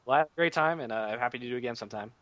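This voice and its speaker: A male game developer guest at a middling pitch, chatting in an easy, meandering way. His audio sounds dull and lo-fi. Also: very fast, dry recording. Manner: relaxed, filler-heavy, lots of "like" and "um". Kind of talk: podcast interview.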